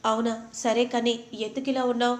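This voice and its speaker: A woman's voice: a little high, little pitch movement, quick pace, echoey room, natural voice. Woman reading a scheming young husband. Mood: coaxing. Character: young husband, controlling and cruel, feigns care.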